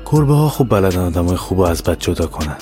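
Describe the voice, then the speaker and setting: A man's voice: low voice, very animated, a little mellow, soft background music. A man voicing an ominous old woman who keeps cats and gives warnings in a spooky audio story.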